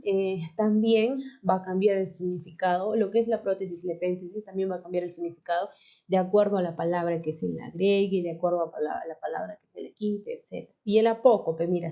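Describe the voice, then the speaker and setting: Captured in dull lo-fi audio, this woman teacher speaks fairly quickly in a warm, gravelly, medium-pitched voice with fairly even intonation. Patiently explaining the material, she keeps asking the class questions and tags "¿no?" often.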